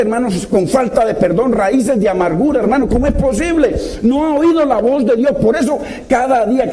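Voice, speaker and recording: A man preaching a sermon, his voice pitched high yet dark and mellow in tone. He exhorts his listeners passionately, asking question after question and calling them to listen. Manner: impassioned, exhorting, repeated direct address.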